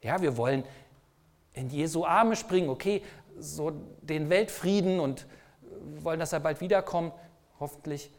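A man's voice: on the high side, normal speed. A man preaching a sermon, speaking emphatically and asking the listeners repeated rhetorical questions.

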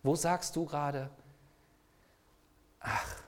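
A man's voice: on the high side, fairly even intonation, extremely slow, noisy background. A man preaching a sermon, speaking emphatically and asking the listeners repeated rhetorical questions.

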